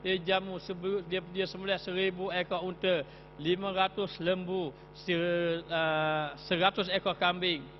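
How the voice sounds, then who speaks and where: A man's voice: high-pitched, level tone, a little slow, long reverb tail, muffled recording, a little hiss or hum. A male religious teacher giving an evening mosque lecture, telling stories and asking rhetorical questions.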